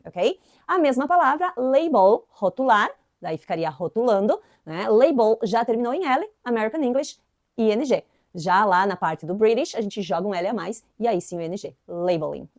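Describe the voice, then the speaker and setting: A woman's voice: fairly high pitch, a little mellow. A woman teacher explaining English spelling and pronunciation, repeating example words and checking in with frequent tag questions. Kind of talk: online English lesson.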